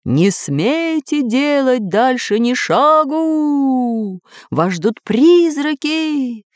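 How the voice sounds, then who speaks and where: Storybook pirate ghost, drawn-out threats, put on by a woman reader, dry close sound. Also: sits high, very animated, no room sound, pitched above the performer's own voice, exaggerated voice. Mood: menacing. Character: ghostly booming pirate captain's voice, male, menacing.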